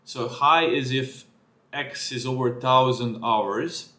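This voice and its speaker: In an echoey room, a Serbian-born streamer who speaks Serbian natively takes a slow pass through a technical research paper live, thinking aloud and revising as he talks. His voice sits at an ordinary middle pitch and has a sharp tone.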